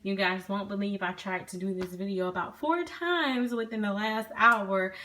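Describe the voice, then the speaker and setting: A woman's voice: mid-range voice, moderate pace, sharp tone. A young adult woman casually reviewing a product she uses, rambling with many ums and restarts, recorded on her phone.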